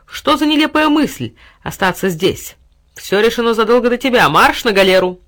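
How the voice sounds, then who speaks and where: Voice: medium pitch, lively intonation, normal speed, a bit bright, voice pushed up, close to an everyday voice. A storyteller voicing Time, a stern and impatient old man who speaks brusquely and gives commands.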